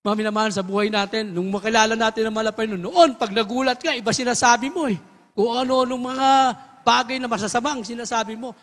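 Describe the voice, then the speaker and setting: A male preacher giving a fervent sermon, dropping to a hush and then rising to shouted praise, and calling his listeners his beloved again and again. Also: very high-pitched, steady tone, fast talker, in a large hall. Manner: keeps addressing listeners as beloved ones.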